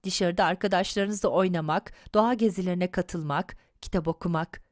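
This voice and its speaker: A woman narrating a children's comic book, describing the pictures and the page layout in a measured, careful reading voice. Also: lowish voice, no echo, clean studio sound.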